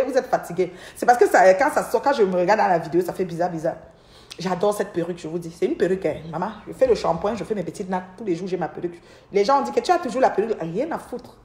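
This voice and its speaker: A woman's voice: medium pitch, fast, a little mellow. A middle-aged woman telling a long story on a casual livestream from home, rambling and often repeating words as she speaks to her viewers. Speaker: livestream host. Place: at home, by an aquarium. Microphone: livestream device mic. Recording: echoey room.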